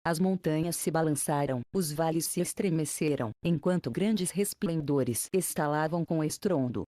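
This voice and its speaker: A woman narrating an ancient epic in low, mellow tones. She reads in a measured, formal manner, phrase by phrase, and the recording is dry and close. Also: no room sound. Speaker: audiobook narrator.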